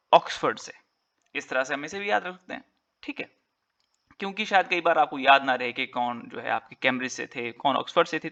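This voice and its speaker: Quick, bright-voiced Indian lecturer. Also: male voice, on the high side, dull audio. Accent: Indian English. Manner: mixes Hindi and English, explains patiently with repeated "right?" and "ठीक है". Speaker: teacher. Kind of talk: online exam-prep lecture.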